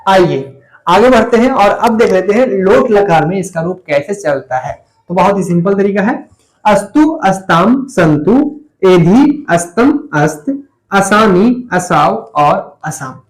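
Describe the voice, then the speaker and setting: A man's voice: high voice, expressive, unhurried. A man teaching Sanskrit grammar in an online lesson, explaining step by step and repeating key words back to students as questions.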